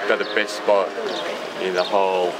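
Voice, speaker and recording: A man's voice: deep voice, level tone, moderate pace. A man hosting a sailing vlog, narrating casually and explaining things from the deck of a sailboat. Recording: outdoor wind and water noise.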